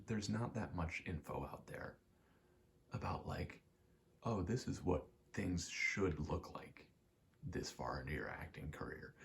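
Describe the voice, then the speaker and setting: An aspiring actor and ASMR rambler, a young American man in his 20s, talks candidly and casually, cursing from time to time. His voice is low-pitched with vocal fry, and a little hiss or hum can be heard.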